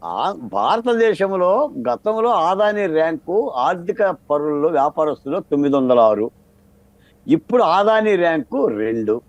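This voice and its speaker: A man with a high-leaning voice and big pitch swings speaks a little slowly as a political analyst in a TV studio debate. He argues his case with a stream of rhetorical questions, captured on a dry recording with the highs cut off.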